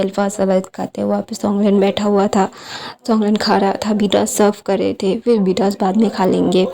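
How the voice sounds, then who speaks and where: A woman's voice: medium pitch, mellow. A woman casually retelling a fan story, rambling with many fillers and English words mixed in. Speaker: storyteller, channel host.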